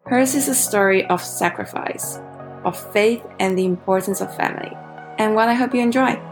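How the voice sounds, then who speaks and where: A woman hosting and producing a podcast, candid and friendly, asking gentle open questions. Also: medium pitch, moderate pace, soft background music.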